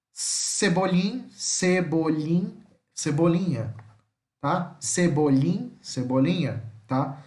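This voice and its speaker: Brazilian male teacher, slightly high voice, patient, repeats words, echoey room. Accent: Brazilian Portuguese. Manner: patient, repeats each word slowly, checks with "tá?". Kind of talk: slide-based language lesson.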